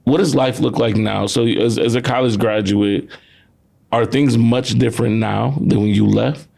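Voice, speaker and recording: A man hosting an interview, asking his questions in a measured, stepwise way. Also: medium pitch, fairly even intonation, gravelly, a little mellow. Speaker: host.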